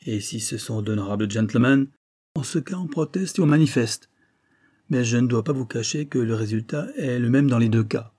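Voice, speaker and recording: A man's voice: medium pitch, normal speed, mellow, natural voice. A man voicing a witty, nonchalant middle-aged French aristocrat who turns declamatory, in an audiobook. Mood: wry.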